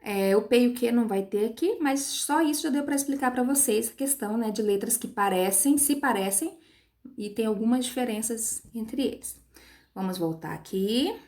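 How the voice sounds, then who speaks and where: A woman teacher giving a recorded online lesson to young pupils, patient, spelling words out slowly and checking in with short tag questions. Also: fairly high pitch, darkish tone. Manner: patient, stretches words syllable by syllable.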